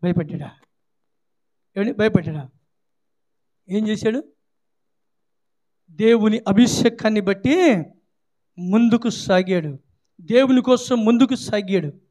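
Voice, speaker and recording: A man pastor preaching a sermon, firing rhetorical questions and crying out hallelujah, rising to shouts and dropping low. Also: animated, slow, pauses often. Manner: swings between loud shouting and low quiet stretches.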